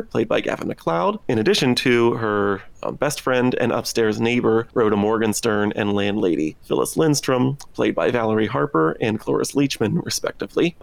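A man with vocal fry, co-hosting a podcast in a conversational style about television. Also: medium pitch, dry recording. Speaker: podcast co-host. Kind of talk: conversational TV discussion.

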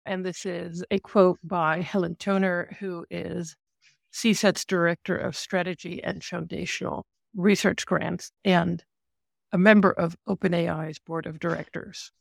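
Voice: mid-range voice, flat delivery, measured pace, gravelly, no room sound, studio quality. A podcast co-host who interviewed a researcher, explaining things in a thoughtful conversational way with some restarts.

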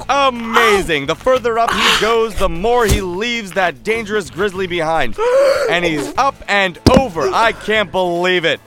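A man as a hyped sports announcer. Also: high voice. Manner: play-by-play commentary, building hype. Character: excitable male sports announcer. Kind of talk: comedy audio drama.

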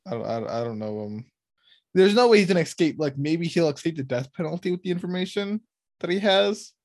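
A man's voice: on the high side, lively intonation, a little fast, darkish tone, no room sound, clean studio sound. A man co-hosting a podcast, reacting with enthusiasm to a TV episode, often saying "like" and trailing off mid-thought. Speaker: podcast co-host. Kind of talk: casual chat reacting to a TV episode.

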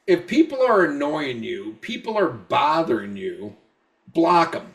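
A man's voice: a little high, sing-song, measured pace, a bit bright, far from the mic. A drunk man co-hosting a podcast, rambling and heated, swearing constantly. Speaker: podcast co-host. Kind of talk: casual podcast rant.

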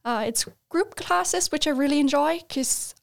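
Talking slowly with a high pitch and noticeable vocal fry, a twenty-something student guest keeps things loose on a casual podcast. She laughs a lot and often restarts her sentences amid plenty of fillers.

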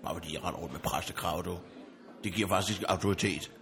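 A man's voice: low voice, fairly even intonation, fairly bright tone. A man playing a blunt, quarrelsome village priest who swears a lot, in an improvised comedy sketch.

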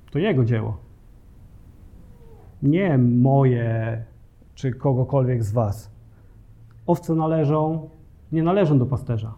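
A male preacher delivers a sermon in a church. His tone is earnest and direct, with a notably mellow, dark timbre and a slightly raised pitch. He pauses now and then with small hesitations. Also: lo-fi sound. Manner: earnest, addresses the congregation directly, occasional hesitation fillers.

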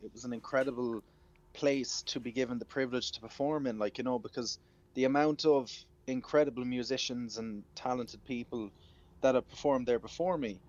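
Over a muffled telephone line, a man with an Irish accent speaks at medium pitch in a steady, slightly mellow tone, a little fast. He is a musician guest on a radio phone interview, talking earnestly and conversationally.

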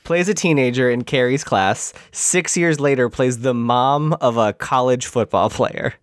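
A man's voice: medium pitch, measured pace, dry recording. Dry-sounding man trading movie trivia. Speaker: podcast co-host. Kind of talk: casual movie-review chat.

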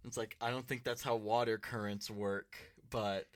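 A young male podcast host with a lowish, fairly even voice rambles through a story at normal speed, packing it with "like," other fillers, and some swearing. The recording is clean studio sound with no room echo.

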